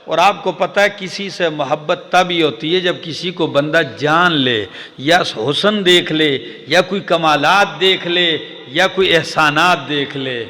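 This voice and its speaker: A man's voice: a little high, bright, forceful tone. A man from Pakistan delivering a sermon as an Islamic preacher, in a melodic, chanting style with emphatic repeated lists. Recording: echoey hall with long reverb.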